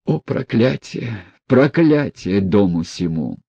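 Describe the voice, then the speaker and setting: Guy doing a weepy old general rambling about his shame, dark husky voice, kinda dull dry audio. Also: on the low side, very animated, no echo, heavily acted. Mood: tearful. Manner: pleading, lamenting, slow and broken. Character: broken old retired general, tearful, rambling.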